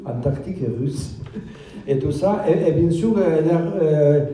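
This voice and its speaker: A man's voice: a little high, unhurried, dark tone, recorded from a distance, slight background noise. A man answering interview questions as a guest author, talking hesitantly with many filler sounds as he searches for words. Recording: echoey room, voice from off-mic.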